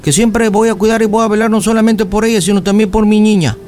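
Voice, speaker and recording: A man's voice: sits high, fairly even intonation, quick pace, a little mellow, slight background noise, close to an everyday voice. A man voicing a pleading young boyfriend in a radio prank call. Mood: swearing. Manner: pleading, swears oaths, wheedling.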